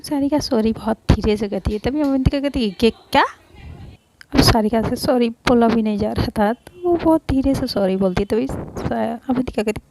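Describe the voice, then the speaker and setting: A woman's voice: a little high, moderate pace, vocal fry, hardly any pauses, noisy background. A woman narrating a spoken love story in a plain, conversational way.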